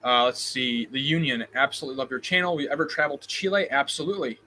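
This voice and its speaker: A host from Illinois with a slight Midwestern accent talks fast in a bright, medium-pitched voice, with slight background noise. On a live stream Q&A, he reads chat questions aloud and answers off the cuff, with frequent ums and restarts.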